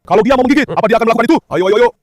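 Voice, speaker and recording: A man with a high, bright-pitched voice talks casually in an outdoor vlog, calling to his dogs and coaxing them with repeated encouragement. His voice sits close and dry on the mic, with little room around it. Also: expressive, very fast, dry recording. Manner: coaxing, calls to dogs, exclamations. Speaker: vlogger handling dogs. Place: outdoors in an industrial area.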